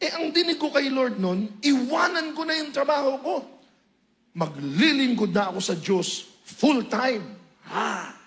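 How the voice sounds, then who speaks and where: A male preacher gives a sermon testimony, telling his story with animated, emotional swings up into loud highs. His voice is gravelly and unhurried.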